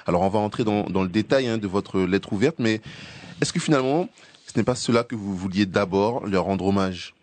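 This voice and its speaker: A man hosting a radio interview, asking measured questions with occasional fillers. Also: fairly low pitch, darkish tone, dry recording. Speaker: radio host.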